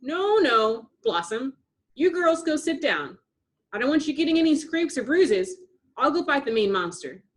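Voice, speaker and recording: A woman's voice: high voice, sing-song, moderate pace, voice pushed up. A woman voicing a doting, overprotective fatherly scientist who gushes and fusses over the girls with sugary pet names. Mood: fussing.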